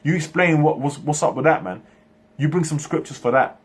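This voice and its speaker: A man from Turkey, raised in England, preaching a monologue in halting bursts and tagging nearly every phrase with "man" or "okay". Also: on the high side, breathy edge. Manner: halting, frequent restarts. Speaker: religious speaker.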